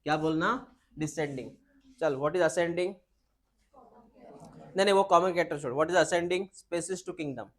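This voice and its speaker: Male biology teacher, high-pitched, drilling his students with repeated questions. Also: measured pace. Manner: repetitive, asks students questions. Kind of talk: classroom teaching.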